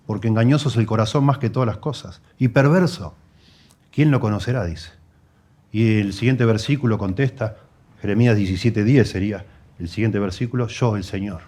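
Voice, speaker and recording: A man with a Rioplatense Spanish accent preaching an expository sermon, teaching his congregation with rhetorical questions and emphatic repetition, often dropping to quiet asides. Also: fairly low pitch, breathy edge. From Argentina.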